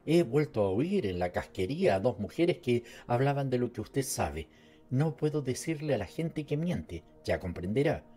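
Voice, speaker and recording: A sly old spinster murmurs gossip in a low, confidential tone, as a man reads her out. She has a Latin American Spanish accent and a mellow, warm sound, with faint music behind her. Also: sing-song, moderate pace, close to an everyday voice. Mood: murmuring.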